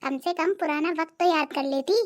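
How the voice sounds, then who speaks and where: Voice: high-pitched, fairly even intonation, brisk, natural voice. A voice artist playing a henpecked older cartoon husband who teases his wife and complains about her. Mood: joking. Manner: mocking, wheedling, complaining. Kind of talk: cartoon voice acting.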